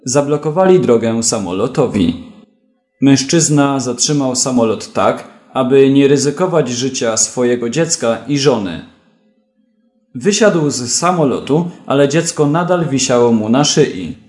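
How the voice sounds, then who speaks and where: Slow male audiobook narrator. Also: medium pitch, a little mellow, echoey room.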